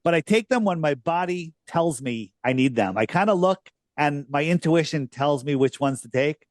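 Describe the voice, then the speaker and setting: Host, man in his 60s, slightly high, dry close mic, emphatic chat. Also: lively intonation, no room sound. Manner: emphatic and conversational, drawn-out stresses. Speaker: podcast host. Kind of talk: casual podcast chat.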